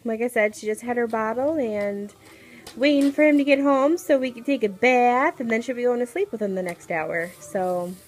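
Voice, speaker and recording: A woman's voice: fairly high pitch, normal speed. A young woman chatting casually to a phone at arm's length in her living room, talking about her evening. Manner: chatty, relaxed, speaks softly to camera. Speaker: family vlogger. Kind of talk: casual home vlog. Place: living room at home, indoors.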